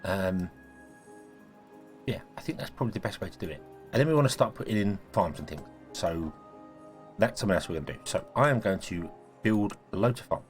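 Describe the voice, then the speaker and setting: In casual let's-play commentary on a city-building game, a deep-voiced host sounds animated and a little fast, rambling, thinking aloud and correcting himself. He's croaky and sneezy from a cold, and soft music plays faintly beneath.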